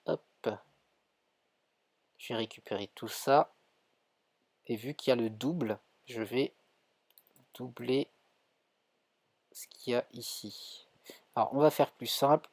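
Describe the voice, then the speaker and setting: A man's voice: mid-range voice, vocal fry, darkish tone, no room sound. A man with a French accent teaching a live coding tutorial, thinking aloud with many fillers and self-corrections. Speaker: coding instructor streaming.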